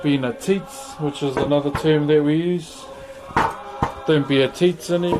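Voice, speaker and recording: Laid-back man, broad Kiwi accent, higher-pitched. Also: steady tone, unhurried, music in the background. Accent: broad New Zealand. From New Zealand. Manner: laid-back, slangy, matey, chatting to viewers. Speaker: livestreamer. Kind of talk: casual livestream chat while wood carving.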